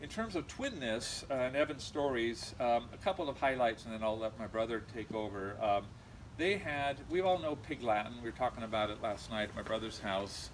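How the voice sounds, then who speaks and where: In a noisy amateur recording with constant background noise, a middle-aged Californian eulogizes his late uncle or aunt informally. He speaks with an American accent in a mid-range voice, reminiscing in a halting way and pausing frequently.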